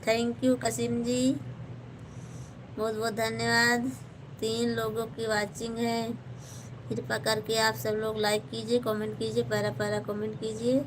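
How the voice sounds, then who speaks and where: Woman, Awadhi-tinged Hindi accent, hosting a live chat on her phone; unhurried, courteous, slightly high voice. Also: monotone, background noise. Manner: polite, slow and chatty, thanks viewers by name. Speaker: live-stream host. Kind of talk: casual live-stream chat reading viewer comments. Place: home kitchen.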